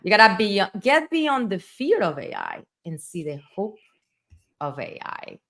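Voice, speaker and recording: Her voice sits in the middle range, lilting in a sing-song way, slightly bright and never rushed. She's a woman running a casual livestream, a native Spanish speaker whose accent shows as she chatters excitedly with plenty of fillers.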